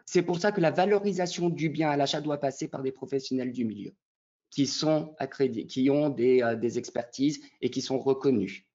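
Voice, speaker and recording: A man from Quebec, Canada, representing a real estate tokenisation company, explains things as an interview guest. He has a mid-range, darkish voice at normal speed and a didactic style, posing questions and then answering them. The audio is slightly muffled.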